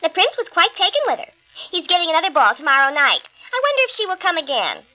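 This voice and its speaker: A woman voicing the mean, spoiled young stepsisters in a storybook, with a shrill, mocking manner. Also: wildly swooping pitch, fast, sharp tone, full character voice, poor audio. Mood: gossipy.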